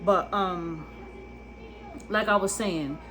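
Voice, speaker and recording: Blunt, bright-voiced woman vlogger. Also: fairly low pitch, takes it slowly, slight background noise, low-quality recording. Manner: blunt and emphatic, swears freely, keeps asking "you understand". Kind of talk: casual monologue to camera. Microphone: phone camera.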